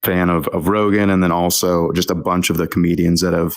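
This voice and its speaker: A young man from Texas appears as a podcast guest in a casual interview chat, speaking hesitantly with many ums and restarts. His low voice is steady in tone and moves fairly quickly.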